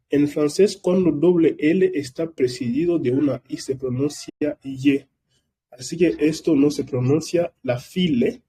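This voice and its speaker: A man's voice: mid-range voice, mellow, breathy edge. A man teaching French in an online class, explaining patiently and checking in with frequent questions to his students. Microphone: computer microphone.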